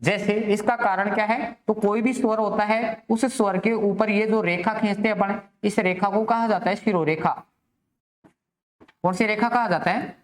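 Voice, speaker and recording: A man's voice: high voice, fairly even intonation, moderate pace. A man teaching a grammar lesson for exam students. He asks the class questions, answers them himself, and repeats the key terms. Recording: echoey room.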